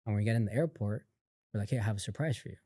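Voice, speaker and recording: A man guesting on a podcast, telling a personal story in a casual, animated way, acting out what others said, with lots of fillers. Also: lowish voice, very fast, dry recording, clean studio sound. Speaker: podcast guest, company founder.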